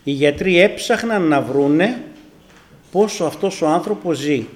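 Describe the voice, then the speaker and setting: An older man from Greece telling his personal testimony to a congregation, earnest and emphatic, his loudness rising and falling. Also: on the high side, lively intonation. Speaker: church member giving testimony.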